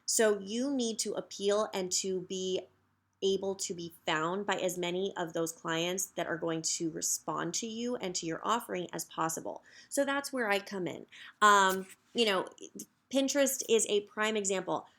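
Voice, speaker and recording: A woman in her thirties, a social media coach, making an upbeat, chatty pitch straight to camera with frequent fillers. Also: moderate pace, a bit bright. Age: 30s. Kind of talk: direct-to-camera sales pitch.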